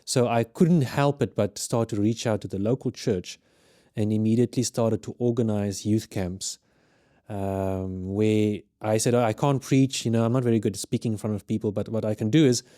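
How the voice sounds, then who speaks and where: His voice is lowish and dark, recorded with no echo: a man in his thirties with a South African accent, raised in Zimbabwe, interviewed in a studio as a podcast guest. A ministry leader, he speaks earnestly and measuredly, with many restarts.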